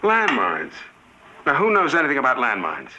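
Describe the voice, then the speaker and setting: An actor playing a defiant, wry resistance fighter in a war film, speaking in terse, emphatic phrases. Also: male voice, mid-range voice, huge pitch swings, normal speed, lo-fi sound. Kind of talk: dramatic film acting. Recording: very noisy film soundtrack.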